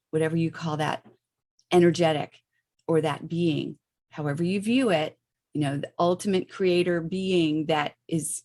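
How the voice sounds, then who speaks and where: A woman's voice: low voice, a little mellow. A middle-aged woman explaining a spiritual meditation practice in a loose, chatty way, often checking in with "okay" and "right". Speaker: spiritual teacher.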